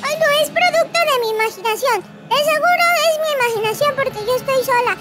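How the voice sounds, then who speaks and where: A woman's voice: very high-pitched, brisk. A woman doing a playful game role-play for kids, full of squealy, dramatic exclamations over children's background music. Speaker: gaming YouTuber. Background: cheerful children's background music.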